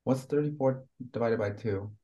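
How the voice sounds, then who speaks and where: A man's voice: medium pitch, normal speed, warm tone, lo-fi sound. A man in his thirties from Honduras, a tattoo artist chatting casually and rambling with lots of fillers. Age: 30s. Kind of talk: casual conversation.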